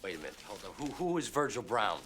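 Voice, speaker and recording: An actor playing a skeptical, flustered corporate executive in a film drama. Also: male voice, fairly low pitch, very animated, quick pace, fairly bright tone, slight background noise. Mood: exasperated. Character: wary corporate executive man, exasperated.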